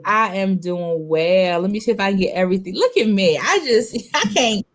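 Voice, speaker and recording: A woman's voice: medium pitch, animated, moderate pace. Giggly woman host on a video call. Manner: giggly, chatty, laughs often. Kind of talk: casual interview chat.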